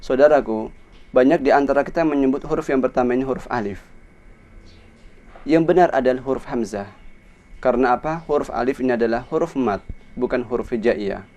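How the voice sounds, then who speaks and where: A male Quran recitation teacher with an Indonesian accent, explaining how each letter is pronounced in a slow, deliberate lesson and repeating the sounds for practice. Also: medium pitch, darkish tone. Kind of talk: instructional lesson on letter pronunciation.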